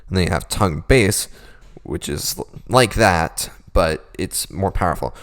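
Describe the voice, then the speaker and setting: A man's voice: sits low, animated, moderate pace. A young man hosting a casual beatboxing tutorial, explaining vocal techniques in a laid-back, self-deprecating way.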